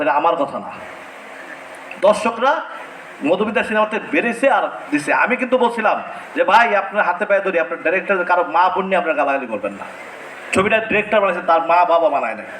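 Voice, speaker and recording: A man with a very high-pitched, sharp voice delivers an impassioned, scolding speech at a press conference, repeating phrases for emphasis. He is picked up on a distant mic in an echoey hall, with a little hiss or hum.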